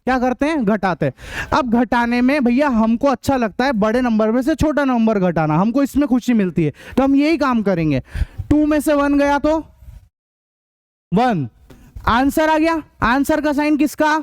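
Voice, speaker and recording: तेज़ ऊँची आवाज़ वाला पुरुष गणित शिक्षक. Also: male voice, very high-pitched, animated, clear, resonant tone, dry recording. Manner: drilling rules, quizzing students with quick questions; blunt, scolding. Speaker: math tutor. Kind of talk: online class lecture.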